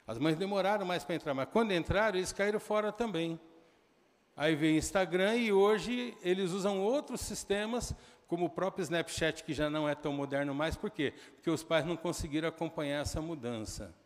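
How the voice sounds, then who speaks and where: Brazilian pastor preaching in a reverberant hall. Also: male voice, on the high side. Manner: conversational storytelling, quick asides to the audience. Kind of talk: sermon. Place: church.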